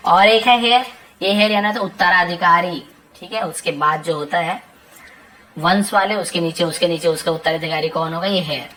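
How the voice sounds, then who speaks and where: A woman teaching a vocabulary lesson in a patient, repetitive way, each explanation trailing off softly at the end. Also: on the low side, normal speed, a little hiss or hum, low-quality recording.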